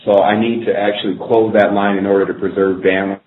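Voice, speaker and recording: Guy with a lowish voice hosting live radio from an office, kinda rambly, tinny phone sound, echoey. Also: level tone, fairly quick. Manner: loose, rambling, fixes technical issues on air. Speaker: radio show host. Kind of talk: casual live internet radio talk. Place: office in a corporate building.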